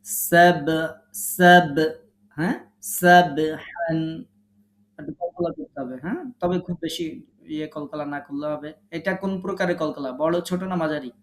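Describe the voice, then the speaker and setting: Man, Bangladeshi Bengali accent, somewhat high voice, online class call, patient teacher, slow drilled repetitions. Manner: patient, corrective, drills sounds slowly and repeats them. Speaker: online Quran recitation teacher. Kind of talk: live online class, correcting students one by one.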